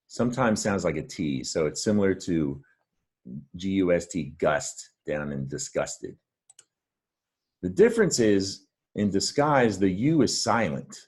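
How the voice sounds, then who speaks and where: A man with a very low, husky voice gives a reading lesson. He talks patiently and encouragingly, walking the listener through each word step by step. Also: a little mellow. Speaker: reading teacher. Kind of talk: friendly reading lesson to camera.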